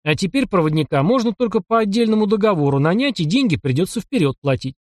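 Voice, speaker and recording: A man's voice: high voice, expressive, fast, a little mellow, no room sound, studio quality, pitched above the performer's own voice. A man voicing a cocky young taiga hunter. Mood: scheming. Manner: mocking, cocky and cunning. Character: young bold taiga hunter, sly and defiant.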